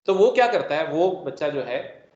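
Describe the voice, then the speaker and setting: A male chemistry teacher lectures a class of students, joking and explaining ideas through everyday classroom analogies. His voice is fairly high, sing-song and darkish in tone, at a normal speed. The sound is echoey, dull and lo-fi.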